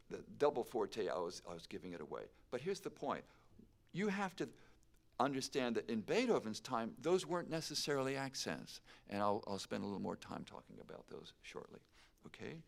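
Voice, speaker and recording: Lively, gravelly male piano teacher. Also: fairly low pitch. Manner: chatty, asks the class questions. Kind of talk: piano masterclass lecture.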